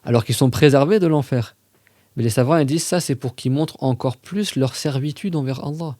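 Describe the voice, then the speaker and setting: A man giving a casual religious lesson on a podcast, talking conversationally and reciting Arabic verses slowly and carefully. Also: medium pitch, mellow, dry recording.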